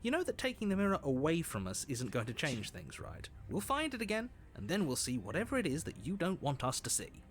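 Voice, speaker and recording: An actor playing a dry, measured narrator in a horror video game, telling the story in a slightly teasing tone. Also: male voice, fairly high pitch, huge pitch swings, fairly bright tone. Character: calm, wry male storyteller narrator.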